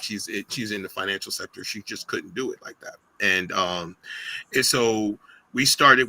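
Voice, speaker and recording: A middle-aged man talks like a podcast guest, animated and emotional, often restarting his sentences and acting out quotes. His voice is bright and forceful, and it is recorded dry and close with little room sound. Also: medium pitch, breathy edge, dry recording, poor audio. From United States. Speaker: podcast guest, business founder. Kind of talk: casual storytelling interview.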